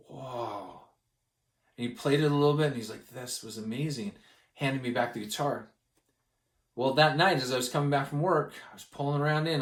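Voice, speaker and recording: A man telling a personal story as a gospel study lesson, animated and expressive, acting out the people he talks about. His voice sits at an ordinary middle pitch. The room around him rings with noticeable echo. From Canada.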